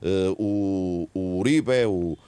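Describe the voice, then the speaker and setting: A man with a European Portuguese accent analyses football on a panel. His voice is fairly low and closely recorded with a dry sound. He states his opinions with emphasis. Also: very slow, dark tone, clean tone, no echo.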